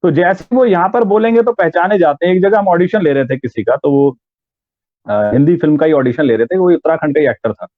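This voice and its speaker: A man's voice: on the high side, brisk, no echo. A man from Uttarakhand, a voice and theatre artist, giving an interview about voice training and demonstrating sounds aloud. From Uttarakhand, India. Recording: tinny phone-like line, dry.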